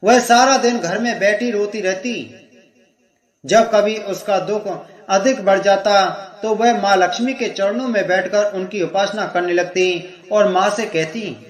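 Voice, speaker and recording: A man narrating a devotional story in a measured, reverent way. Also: high voice, steady tone. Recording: echoey room.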